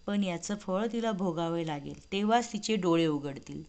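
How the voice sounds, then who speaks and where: A woman's voice: on the low side, moderate pace, darkish tone, lightly acted. A woman voicing an angry old beggar woman. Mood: indignant. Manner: scolding, bitter reproach. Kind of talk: devotional storytelling.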